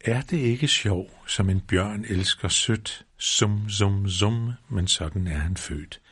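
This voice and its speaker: A man's voice: fairly low pitch, animated, breathy edge. A man voicing a simple, honey-loving male teddy bear who muses aloud and hums little rhymes in a storybook reading. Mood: sing-song. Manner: musing aloud, sing-song rhymes.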